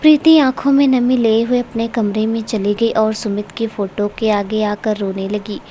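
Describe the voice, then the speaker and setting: A woman narrating an emotional family story in a steady, emotive reading style. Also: fairly high pitch, moderate pace, slight background noise.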